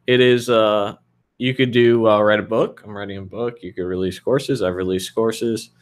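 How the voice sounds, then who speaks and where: A man's voice: fairly low pitch, steady tone, normal speed. A man in his thirties answering viewer questions in a loose, frank, rambling way with lots of fillers. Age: 30s. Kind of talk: casual livestream Q&A.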